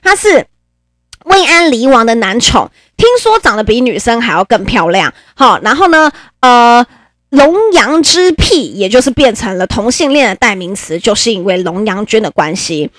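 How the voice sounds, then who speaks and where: Animated woman. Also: on the high side, normal speed, no echo, clean studio sound. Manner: animated, chatty, laughs often. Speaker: podcast host. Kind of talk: casual storytelling podcast.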